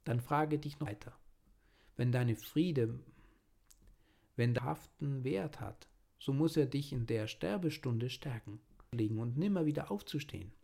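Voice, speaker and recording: A man's voice: medium pitch, expressive, a little slow, vocal fry, mellow. A man reading an old sermon aloud in German, earnest and pleading as he exhorts his listeners.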